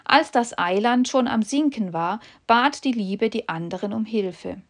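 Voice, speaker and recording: Slow, measured woman reading a fable. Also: fairly high pitch. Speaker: narrator. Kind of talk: storybook narration.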